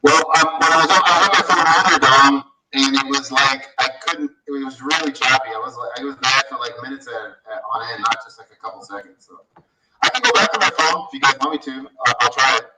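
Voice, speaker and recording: A man's voice: mid-range voice, a little fast, very noisy. A man calling in over a bad laptop connection that gives his voice a hollow, cave-like echo, talking hesitantly with many restarts. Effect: hollow cave-like echo from a bad remote audio link. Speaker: horse racing handicapper calling in. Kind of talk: casual call-in chat. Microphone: laptop call mic.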